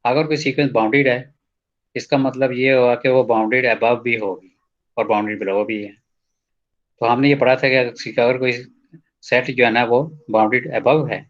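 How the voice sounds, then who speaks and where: A male lecturer reads textbook lines at a slow pace while teaching a math proof, then explains each in informal Hindi with English terms mixed in, regularly checking in with "ठीक है". He speaks at a medium pitch, and the recording has its highs cut off.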